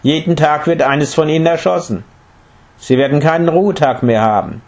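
A man's voice: on the high side, darkish tone, pitched above the performer's own voice, close to an everyday voice. A man voicing a noble, selfless male king of the deer in a read-aloud fable, earnest and pleading. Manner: earnest, pleading, slow and solemn. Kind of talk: storybook reading.

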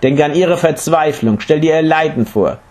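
A man's voice: fairly high pitch, a little mellow, pitched above the performer's own voice, natural voice. A man voicing a noble, selfless male king of the deer in a read-aloud fable, earnest and pleading. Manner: earnest, pleading, slow and solemn. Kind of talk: storybook reading.

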